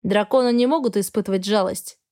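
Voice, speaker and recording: A woman voicing a cold, arrogant male dragon husband who speaks in a flat, indifferent tone. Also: medium pitch, fairly quick, lightly acted.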